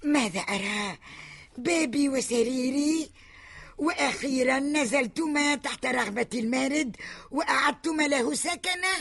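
High, wily, falsely sweet neighbour. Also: female voice, creaky, fairly bright tone. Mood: mock-solemn. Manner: drawn-out, theatrical coaxing and calling. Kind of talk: theatrical Arabic comedy drama acting.

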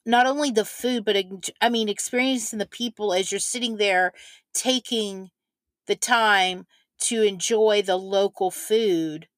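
A woman co-hosting a casual chat, speaking in slow, deliberate, measured phrases. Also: medium pitch, dry recording. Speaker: podcast co-host.

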